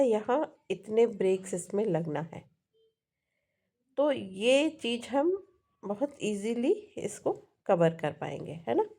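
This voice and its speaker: A woman with an Indian accent teaching an English lesson, explaining slowly and often checking in with her students. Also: medium pitch, warm tone. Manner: slow explanatory teaching, mixing Hindi and English, frequent "है ना" checks. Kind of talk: classroom lesson explaining syllables.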